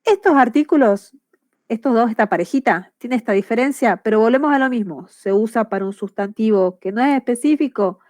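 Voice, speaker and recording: A woman's voice: fairly high pitch, expressive, brisk, a little mellow, dry recording, studio quality. A woman teacher, patiently explaining English grammar in class and often checking that students follow.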